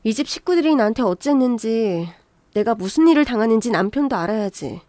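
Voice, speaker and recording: High-voiced woman narrating a story calmly. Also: fairly quick, no room sound. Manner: calm, composed, politely cutting.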